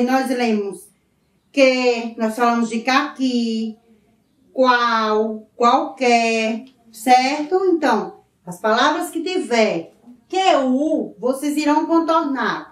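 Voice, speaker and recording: A woman teacher with a Brazilian Portuguese accent giving a lesson to schoolchildren, drawing out words slowly and asking "certo?" again and again. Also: high voice. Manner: slow, drawn-out syllables, often checks with "certo?". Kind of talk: recorded school lesson for children. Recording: roomy, mic at a distance.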